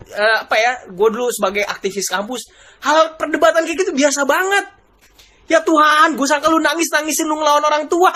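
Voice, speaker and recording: A young woman ranting loudly in a commentary vlog, exasperated. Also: high-pitched.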